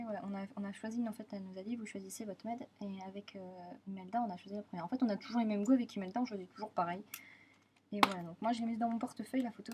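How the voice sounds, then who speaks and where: A woman's voice: mid-range voice, darkish tone, slight background noise. A young woman from France chatting casually in a travel vlog, gushing and repeating herself, often trailing off mid-sentence. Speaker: vlogger.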